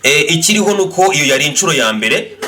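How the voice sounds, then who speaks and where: A man interpreting an interview for a channel, briskly restating each answer. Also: fairly high pitch, expressive, noisy background.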